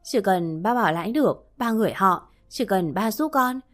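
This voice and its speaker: A woman with a mid-range, fairly ordinary voice speaks at normal speed with lively intonation. She's playing a spoiled young daughter, pleading through sobs and close to tears.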